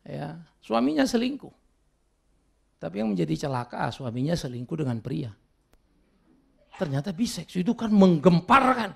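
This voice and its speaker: A male pastor preaching a sermon in an animated way. He slips English words into his talk and acts out the people he quotes. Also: fairly high pitch, normal speed, gravelly, pauses often, breathy edge.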